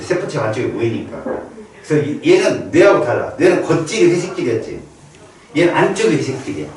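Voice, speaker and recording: A man lecturing a biology class in a lively, playful way, his pitch rising and falling a lot as he acts out quick reactions. He is recorded from far off in a strongly echoing classroom. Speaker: biology teacher. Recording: echoey room from far off.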